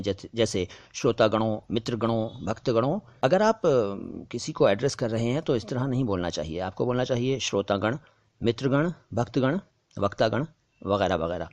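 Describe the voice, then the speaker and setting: A man hosting a language lesson, patiently explaining how words are pronounced and slowly repeating them for emphasis. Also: lowish voice, darkish tone, no room sound, dull audio. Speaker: language teacher, channel host. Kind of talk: explaining word pronunciation to viewers.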